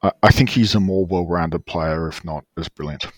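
An Australian man co-hosting a casual sports discussion over an online call, speaking haltingly and often restarting his sentences. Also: low-pitched, dry recording. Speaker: sports podcast co-host. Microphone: online call microphone.

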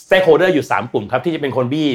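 A man's voice: on the high side, lively intonation, fast. A man talking as a guest expert on energy and climate in casual, blunt, slangy speech, acting out quoted voices. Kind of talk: casual explanatory talk.

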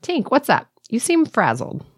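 A woman's voice: fairly high pitch, wildly swooping pitch, unhurried, background noise. A woman playing a breezy but probing, suspicious mother in an audio drama.

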